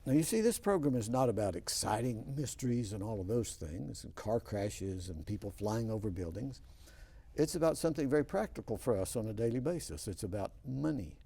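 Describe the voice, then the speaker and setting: A man's voice: on the low side, lively intonation, brisk, vocal fry, warm tone, husky. A man hosting a TV interview show in a studio, telling homespun stories in a folksy way. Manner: folksy storytelling. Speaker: host.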